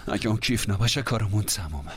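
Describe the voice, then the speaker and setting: A man's voice: lowish voice, background noise, close to an everyday voice. An actor playing a desperate man on the run in a dubbed film, often whispering urgently. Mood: hushed urgent. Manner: tense, often whispering, then shouting to calm someone. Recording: film score behind the voice.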